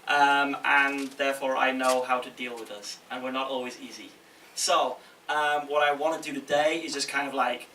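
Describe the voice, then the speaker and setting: Bright-voiced man presenting in an echoey room. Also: mid-range voice, distant mic. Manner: jokey, conversational, checks in with audience. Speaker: game publisher giving a talk. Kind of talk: informal conference presentation. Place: indoor event room with audience. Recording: echoey room from afar, faint noise.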